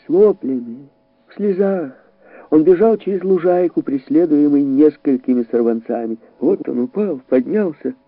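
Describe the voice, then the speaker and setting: A man reading an audiobook story aloud in a dramatic, expressive way, heightening his voice for the characters. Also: on the high side, moderate pace, dry recording, narrow, tinny audio. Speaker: audiobook narrator.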